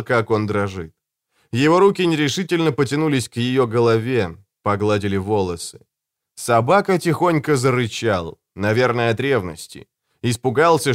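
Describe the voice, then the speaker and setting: Brief: male audiobook narrator, mid-pitched, with a very lively, animated delivery and a dry close studio sound. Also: no room sound. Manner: expressive, dramatic storytelling. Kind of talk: scripted narration.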